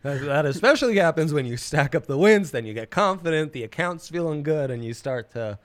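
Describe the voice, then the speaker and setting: A man's voice: fairly high pitch, lively intonation, a little fast, no echo. A man co-hosting a sports betting show with casual, playful, jokey banter.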